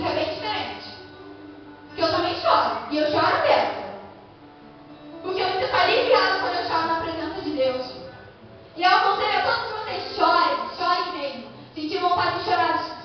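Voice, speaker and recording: A young Brazilian woman preaching a sermon in a church, animated, acting out people's reactions as she speaks. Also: very high-pitched. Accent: Brazilian Portuguese. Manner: animated, acts out quoted reactions in her own voice. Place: church hall. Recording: echoey church hall, far from the mic, dull sound.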